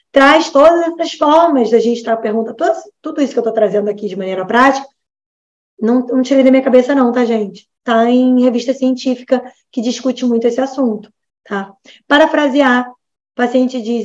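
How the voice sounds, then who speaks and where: Brazilian woman, nutritionist lecturer, casual teaching tone, higher pitch, muffled lo-fi audio. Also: darkish tone. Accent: Brazilian Portuguese. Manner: chatty, frequent "né?" and "tá?" tags, acts out patient dialogues. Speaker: nutritionist teaching health professionals.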